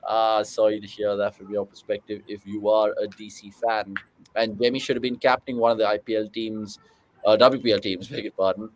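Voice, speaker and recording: A young British man hosts a live cricket watchalong, his fairly low, flat voice moving at a fairly quick clip over poor audio. He chats with co-hosts, calls the shots, and reads out viewer questions.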